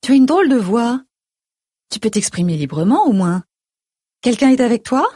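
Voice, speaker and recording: A woman voicing a worried middle-aged mother who fires off anxious, pleading questions in a breathy voice. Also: fairly high pitch, big pitch swings, dark tone, no echo, pitched above the performer's own voice. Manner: rapid stream of anxious questions.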